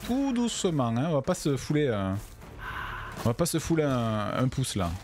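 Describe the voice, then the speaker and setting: Lively, chatty streamer man. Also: medium pitch, normal speed, noisy background. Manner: chatty, talks to viewers, stumbles over words. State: tired. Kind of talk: casual gameplay commentary. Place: at home.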